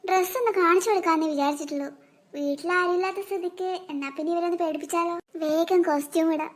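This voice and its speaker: A woman's voice: very high-pitched, fairly even intonation, fast talker. Woman voicing Ashi, a scheming costumed boy. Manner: plotting, grumbling. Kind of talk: cartoon voice acting.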